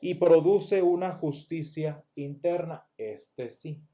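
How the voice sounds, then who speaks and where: A man's voice: on the high side, slow, mellow. Man teaching a church Bible lesson. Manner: explanatory, asks the class rhetorical questions; restarts words often. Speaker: Sunday school teacher.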